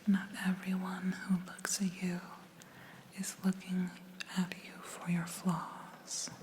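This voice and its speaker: Asmr lady whispering a pep talk, super slow n gentle, breathy, reassuring, lots of pauses. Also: fairly low pitch, completely flat delivery. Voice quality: breathy, mostly unvoiced whisper. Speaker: ASMR host.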